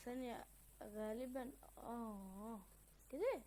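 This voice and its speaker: A woman with an Egyptian Arabic accent hosting her gaming channel, giving excitable let's-play commentary into a desktop microphone and bursting into loud exclamations. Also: a little high, measured pace, slight background noise.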